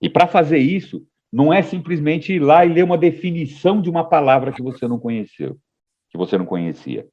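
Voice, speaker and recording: A man's voice: on the high side, lively intonation, fairly quick, a little mellow, highs cut off. A man as a podcast guest, talking in a reflective, hesitant way with frequent restarts. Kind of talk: casual podcast conversation.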